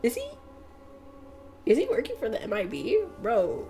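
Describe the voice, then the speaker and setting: Excitable woman with lively pitch. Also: moderate pace, soft background music. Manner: excitable, slangy reactions. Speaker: let's play gamer. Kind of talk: reading a visual novel aloud with reactions.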